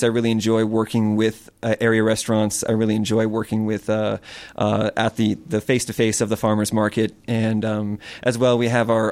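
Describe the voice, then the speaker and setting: Farmer from Connecticut, low and level, plain earnest answers to an interviewer. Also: male voice, a little mellow. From Connecticut, USA. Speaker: small farm owner.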